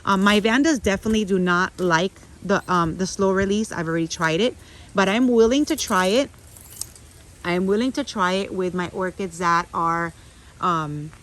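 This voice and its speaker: A woman's voice: fairly low pitch, a bit bright, poor audio. A middle-aged woman giving a chatty walk-and-talk vlog in her outdoor garden, talking to viewers with restarts and asides. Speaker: orchid grower vlogger. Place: outdoor orchid garden on a windy morning.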